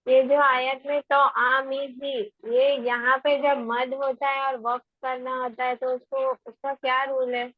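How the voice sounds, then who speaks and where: Brief: polite female student, high flat voice, tinny phone-like call. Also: measured pace, few pauses, dry recording. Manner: polite, asking a question.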